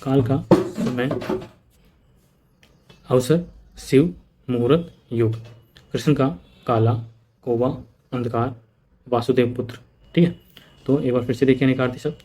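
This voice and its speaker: A man's voice: medium pitch, fairly even intonation, measured pace, long pauses, dark tone, a little hiss or hum. Man, exam prep teacher, repetitive drilling, mixes English terms in. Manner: repeats points with frequent "ठीक है" checks.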